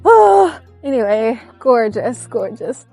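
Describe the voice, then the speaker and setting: A woman's voice: on the high side, sing-song, slow pace, vocal fry, mellow, faint music behind. A young woman chatting casually into her camera while out on a walk, upbeat and giggly. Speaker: vlogger. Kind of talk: casual vlog chat while walking. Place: outdoors on a walk.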